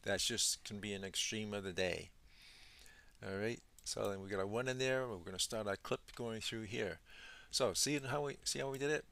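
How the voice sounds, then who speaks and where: A low-pitched man with a gravelly edge to his voice, talking through a chart walkthrough as a trading instructor. He works through it unhurriedly and thinks aloud, with plenty of "uh"s, restarts and small self-corrections. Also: moderate pace, a bit bright. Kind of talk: screen-share chart walkthrough.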